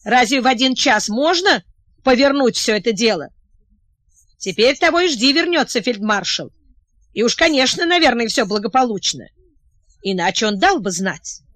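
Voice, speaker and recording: A woman reading the part of a loyal young lady-in-waiting who talks reassuringly and briskly. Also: on the high side, expressive, a bit bright, no room sound. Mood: soothing.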